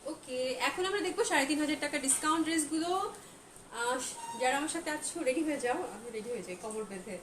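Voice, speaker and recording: High-voiced woman gushing over dresses. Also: fast talker. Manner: chatty, gushing, mixes English phrases. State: feeling hot. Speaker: online clothing seller. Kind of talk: live-stream product showcase. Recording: echoey room with loud background noise.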